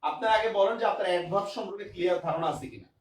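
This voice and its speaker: A man's voice: high-pitched, racing. A man teaching a grammar class online, repeating his examples and often checking whether his students understand. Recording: echoey room, distant mic, faint noise.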